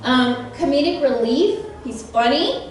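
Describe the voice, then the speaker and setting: High, chatty woman in an echoey hall. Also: unhurried, far from the mic, slight background noise. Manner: chatty and animated, laughs often, quizzes the audience. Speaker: voice actress on a convention panel. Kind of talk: convention panel talk to an audience. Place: large convention panel room.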